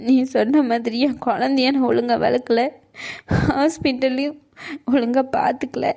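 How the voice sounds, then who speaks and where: A wounded young mother in a cartoon, with a high voice. She throws bitter, reproachful words at her family. The delivery stays proud and hurt. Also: fairly even intonation, moderate pace, creaky, dark tone. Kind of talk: cartoon voice acting.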